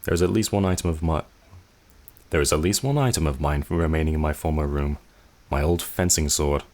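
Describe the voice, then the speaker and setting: A man hosting a let's play, reading the game's narration aloud in a measured way with dry asides. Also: very deep voice, darkish tone.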